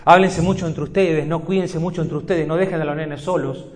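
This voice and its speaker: A man, a psychologist giving a lively talk to parents and acting out little dialogues as he goes. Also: fairly high pitch, fairly quick. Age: 50s.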